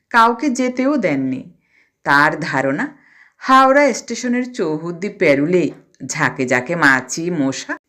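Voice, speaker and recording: Expressive woman narrator for a classic audio story, pitch moving freely.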